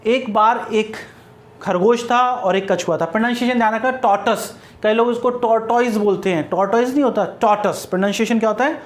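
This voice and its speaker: Brief: male grammar teacher, patient and repetitive, asks then answers, dictates examples slowly. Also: high-pitched. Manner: repeats points, asks and answers his own questions; dictates example sentences word by word. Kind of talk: classroom-style grammar lesson.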